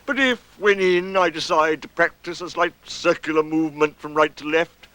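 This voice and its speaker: A man voicing a gloomy, dignified old storybook donkey with a ponderous, deadpan, sarcastic delivery. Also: a little high, normal speed, pitched above the performer's own voice. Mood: cold dignity.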